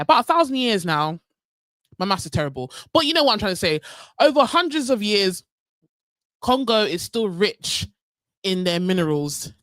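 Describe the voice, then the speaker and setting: A woman's voice: deep voice, no room sound. A young woman from North London with a London accent, hosting a casual live history talk, chatty and full of ums and asides to her viewers. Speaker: livestream host.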